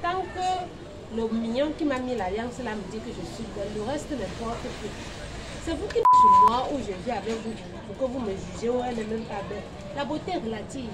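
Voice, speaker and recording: A woman's voice: a little high, wildly swooping pitch, moderate pace, very noisy. A pregnant, newly married woman talking proudly and defiantly in casual chat.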